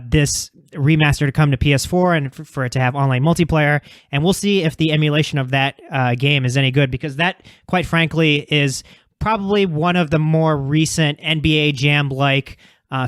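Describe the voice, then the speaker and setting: Male podcast co-host, casual and eager, clean resonant tone, slightly high, dry close mic. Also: smooth, dry recording. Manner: enthusiastic, many fillers and restarts.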